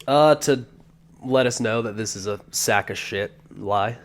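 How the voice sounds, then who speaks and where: Lower-voiced man with crude banter. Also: unhurried. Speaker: podcast co-host. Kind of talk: casual chat.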